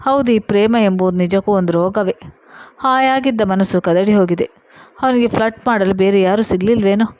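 A woman narrating a scripted love story at an even, steady reading pace. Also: mid-range voice, fairly quick, no echo, poor audio.

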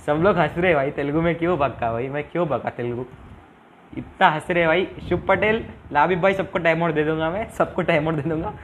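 A man's voice: fairly high pitch, brisk, a little hiss or hum, poor audio. Chatty man streaming a game. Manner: chatty, pleads for subscribers, mixes English into Hindi. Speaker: live-stream gaming host. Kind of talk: casual live-stream chat reading viewer comments.

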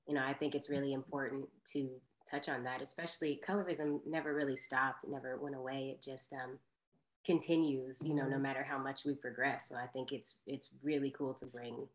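Very low-voiced young actress, earnest. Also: female voice, poor audio. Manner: earnest, reflective. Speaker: actor. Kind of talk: interview answers.

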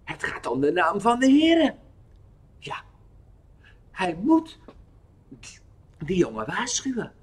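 Man, children's Bible storyteller, slow and slightly husky, very animated pitch. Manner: expressive, questioning the listener.

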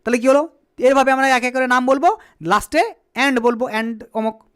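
A male teacher whose first language is Bengali is running a beginner English lesson at a board. He talks patiently and keeps putting questions to the class, then answers them himself. Now and then he slows down to spell a word letter by letter. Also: very high-pitched, fairly bright tone, clean tone.

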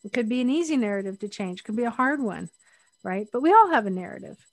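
A middle-aged woman talks openly as a podcast guest. Her voice sits a little high and the sound is dry and close. She speaks frankly and laughs easily. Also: fast, no echo. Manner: candid and animated, laughs often. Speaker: interview guest. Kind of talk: casual podcast interview.

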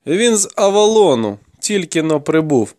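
A man's voice: a little high, big pitch swings, moderate pace, darkish tone, no echo, voice pushed up. A man voicing a grim male warrior who taunts and interrogates a captive in an audiobook. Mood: taunting, grim. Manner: taunting, commanding, gruff.

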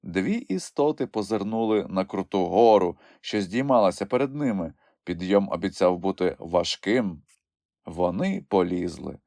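A man narrating a children's audiobook in an expressive storytelling manner. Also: low voice, moderate pace, no room sound. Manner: expressive storytelling with lively swings. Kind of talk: scripted narration.

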